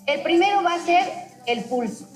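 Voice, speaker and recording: A high-voiced woman leads a rhythm lesson, calling out beat words in an even chant. Music plays behind her. The sound comes from a television picked up by a home recorder. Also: normal speed, low-quality recording. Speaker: physical education instructor. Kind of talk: instructional demonstration. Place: studio heard through a home TV recording.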